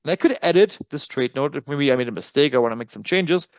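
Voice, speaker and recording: A man's voice: fairly high pitch, expressive, fast talker, clean tone, no room sound. A man with a German accent presenting a trading dashboard in a webinar, walking through features in a casual, self-correcting way. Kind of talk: software tutorial walkthrough.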